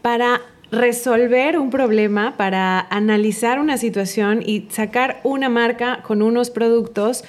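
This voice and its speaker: A woman's voice: a little high, steady tone, unhurried. Host: Mexican woman, eager and welcoming, interview podcast. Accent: Mexican Spanish.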